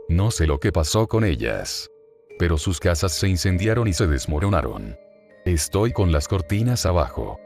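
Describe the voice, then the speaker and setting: Frightened woman caller hiding at night, voiced flatly by a deep-voiced man. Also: creaky, heavily acted.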